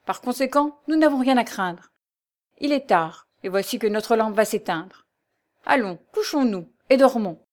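A woman's voice: on the high side, expressive, a little slow. Woman doing a grumbling old crone mother, scolding and sneering. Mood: mocking.

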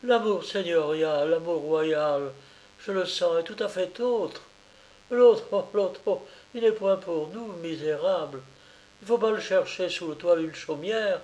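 A man's voice: sits high, unhurried, darkish tone, voice pushed up. A man reading aloud as a poor peasant mother, tearful, pleading and indignant. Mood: bitter. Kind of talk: audiobook character reading.

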